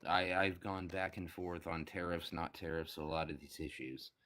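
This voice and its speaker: A man with a very low voice talks as a guest on a live stream. He is hesitant, stumbling over and repeating his words as he makes his case. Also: little pitch movement, normal speed, a bit bright. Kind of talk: casual live stream debate.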